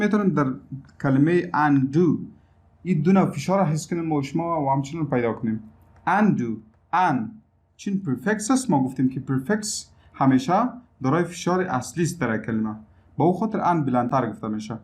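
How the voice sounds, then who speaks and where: A man teaching English pronunciation, explaining rules slowly and repeating example words with heavy stress. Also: fairly high pitch, animated, a little mellow. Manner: explains slowly, switching between English and Dari. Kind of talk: language lesson.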